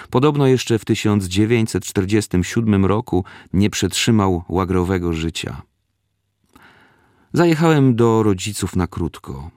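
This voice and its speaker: A man reading a first-person memoir aloud in a measured, steady storytelling manner. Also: low-pitched, dry recording, studio quality.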